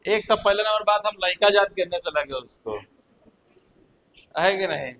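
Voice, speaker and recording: High-voiced, slow-talking teacher. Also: male voice, expressive, vocal fry, fairly bright tone, a little hiss or hum, low-quality recording. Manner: repeats key points and quizzes students. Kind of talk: classroom lecture.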